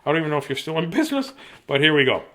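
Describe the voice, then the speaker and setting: Racing along with a slightly high, very animated and fairly bright voice, this middle-aged host chats casually on a livestream and reads children's bedtime stories, rambling sillily and poking fun at himself.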